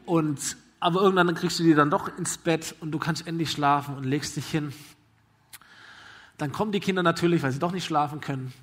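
A preacher giving a sermon live before a congregation, retelling a parable in a conversational storytelling way that asks the audience along. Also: male voice, on the high side, fairly quick, a bit bright.

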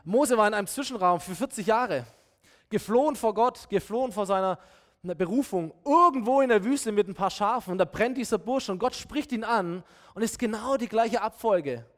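A male pastor preaching a sermon in a fairly high voice for a man. He is animated and speaks straight to his listeners. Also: moderate pace. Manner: animated, addresses listeners directly.

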